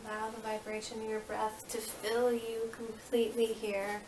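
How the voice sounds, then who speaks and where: Woman, meditation instructor, even higher-pitched voice, soothing and unhurried, roomy recording. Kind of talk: guided meditation. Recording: roomy, distant mic with faint noise.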